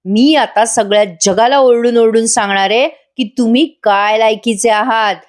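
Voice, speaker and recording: A woman's voice: on the high side, fairly even intonation, moderate pace, natural voice. A woman voicing a wronged, defiant wife who is held captive, from a TV serial recap. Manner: angry, defiant.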